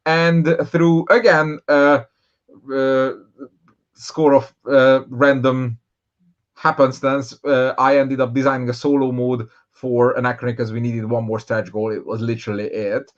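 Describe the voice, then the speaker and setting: A man talks casually as an interview guest, mid-pitched and rambling, often restarting with fillers. The audio is dull and lo-fi. He speaks at an ordinary middle pitch throughout. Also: level tone, measured pace. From Hungary. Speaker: board game designer, guest. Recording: dull, lo-fi sound.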